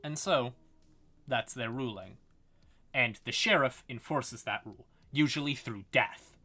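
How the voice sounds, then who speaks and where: A medium-pitched man with a sharp tone breaks down fantasy lore during a casual livestream, pausing often, staying wry, and chatting with viewers on the side.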